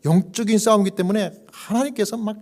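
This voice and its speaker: A man preaching as a pastor and chaplain. He tells a story with animation, acts out the voices of the people in it, and drops to a hushed whisper at solemn points. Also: sits high, fairly even intonation, quick pace. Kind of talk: sermon storytelling. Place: church.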